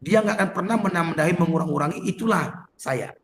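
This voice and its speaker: A man's voice: a little high, a little fast, fairly bright tone, echoey room, slight background noise. A man preaching as a pastor to an online prayer group, conversational and folksy, turning to his listeners again and again. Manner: conversational, addresses listeners as "Pak" constantly. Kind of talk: sermon. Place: home, online prayer meeting. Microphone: video call.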